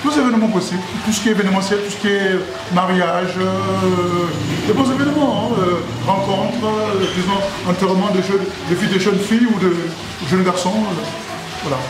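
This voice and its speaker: Speaking at normal speed, a man whose voice sits high answers questions in a casual interview at his restaurant. He is in his sixties, from Congo, and owns the place, and his answers are jovial, rambling and repetitive. The recording is echoey with loud noise behind him.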